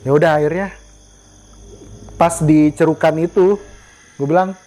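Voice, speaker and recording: A man's voice: a little high, steady tone, a little slow, dark tone. A man telling a first-person scary story in a casual, slangy way with a tense edge.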